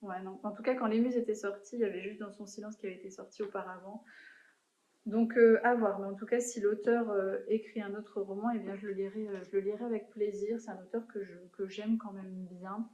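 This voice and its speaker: A young woman talks through her recent reads in a relaxed, chatty way, often pausing on fillers and restarting her sentences. Her voice is warm and mellow, sitting at an ordinary middle pitch. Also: roomy sound, dull audio. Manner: chatty, hesitant with frequent fillers. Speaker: book vlogger. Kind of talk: casual book review chat.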